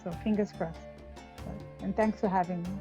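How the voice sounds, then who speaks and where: A woman's voice: mid-range voice, steady tone, normal speed, dark tone, soft background music. A woman from Cameroon, a scientific advisor, introducing herself fluently on an online panel. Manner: fluent, orderly résumé telling. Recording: dull, muffled sound.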